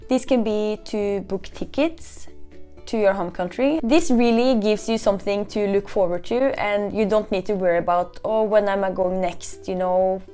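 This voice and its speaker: A woman's voice: medium pitch, moderate pace, mellow, smooth, faint music behind. A young woman from Norway talking reflectively in a casual vlog, often saying "you know". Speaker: vlogger.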